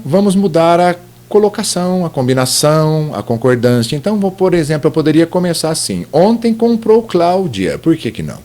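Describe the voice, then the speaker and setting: A man's voice: fairly high pitch, darkish tone. A man teaching grammar over slides, explaining step by step with many tag questions. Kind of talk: recorded slide lecture.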